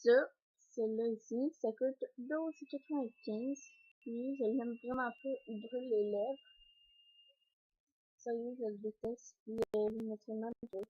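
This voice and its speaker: This beauty vlogger, a young Québécois French-accented woman, speaks in a fairly high, steady, warm voice at a slightly slow pace. Unboxing products casually at home beside a sunny window, she hesitates often, filling gaps with fillers and clearing her throat. Her video has dull, lo-fi audio.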